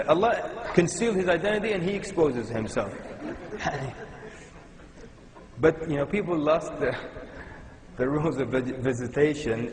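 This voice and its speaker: A man from Sudan giving a conversational, humorous Islamic lecture to a live audience. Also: mid-range voice. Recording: echoey hall with long reverb.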